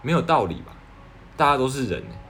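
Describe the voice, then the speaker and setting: A man's voice: mid-range voice, wildly swooping pitch, fast, creaky, fairly bright tone, husky, faint music behind. A man. He is a young doctor giving casual advice, earnest and persuasive, often asking rhetorical questions. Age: 20s.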